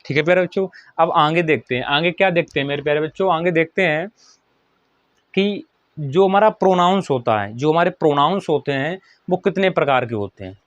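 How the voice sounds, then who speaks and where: A man teaching children a grammar lesson in a fairly high voice. He asks questions and answers them himself, and he stretches out the words when he dictates. The sound is close and dry. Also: no room sound, lo-fi sound.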